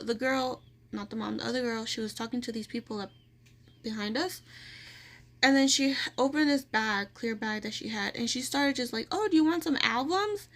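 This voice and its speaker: A woman vlogger casually telling a personal story, rambling with lots of "like" fillers and restarts. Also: a little high.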